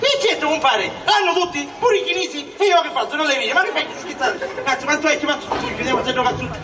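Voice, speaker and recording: A man acting an excitable, scheming Sicilian village barber in a stage comedy, theatrical and exclamatory, in Sicilian dialect. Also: very high-pitched, fast talker, over a noisy crowd. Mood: wheedling. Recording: echoey theatre stage, distant mic, audience.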